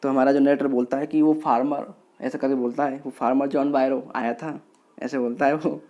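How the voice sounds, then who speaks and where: A man's voice: mid-range voice, steady tone, brisk, dark tone, muffled recording. A male lecturer retelling a story for students, explaining it with everyday examples and checking whether they follow. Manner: retells characters' lines in plain narration.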